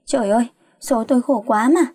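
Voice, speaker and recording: A woman voices a fussy, anxious middle-aged mother who nags and scolds nonstop. Her fairly high, warm voice moves fairly quickly with a breathy edge, captured in a dry, close recording without echo.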